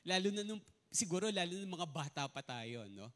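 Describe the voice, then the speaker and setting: A man's voice: high voice, very animated, brisk, fairly bright tone. A man preaching a sermon as pastor, often mixing in English and asking the congregation if they follow. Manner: mixes in English, asks the congregation questions often.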